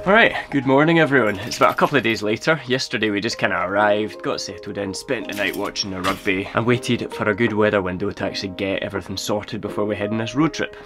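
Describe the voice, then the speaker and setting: A man's voice: lowish voice, fast, hardly any pauses, over music. A man, chatting casually to viewers from inside a camper van on a camera held at arm's length. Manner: upbeat, chatty, addressing viewers. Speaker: vlogger. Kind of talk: casual vlog chat. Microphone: handheld camera at arm's length.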